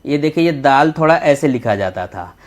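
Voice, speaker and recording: A man teaching a children's Urdu lesson, patient and slow, repeating each letter as he writes. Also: mid-range voice, expressive. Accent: Indian Urdu. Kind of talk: textbook lesson for young children.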